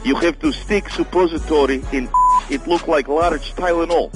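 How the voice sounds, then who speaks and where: A man's voice: fairly high pitch, normal speed, close to an everyday voice. Man doing earnest salesman, w for v, music behind. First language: not English. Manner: broken English, says w for v. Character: earnest foreign salesman Boris with dubious products. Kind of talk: deadpan prank phone call.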